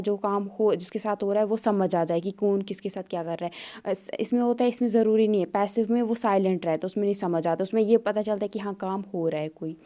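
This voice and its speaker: A woman teacher walking through an exam paper step by step, reading English questions slowly with an Indian English accent. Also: mid-range voice, mellow. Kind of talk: exam paper walkthrough lesson.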